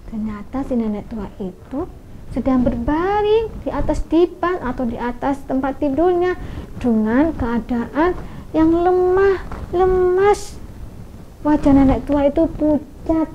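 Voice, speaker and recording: A woman telling a children's story live on radio, lively and speaking straight to her young listeners. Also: high voice, slow, a little hiss or hum. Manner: lively, addresses listeners directly. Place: radio studio. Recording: muffled radio studio audio.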